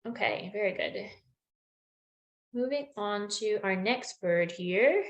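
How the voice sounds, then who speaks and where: A young woman from Newfoundland teaches a bird identification lesson in an online webinar over a video call, speaking slowly at medium pitch with lively intonation. She's friendly and explanatory with frequent ums, slightly losing her voice and clearing her throat, and the audio is dull and echoey from the room.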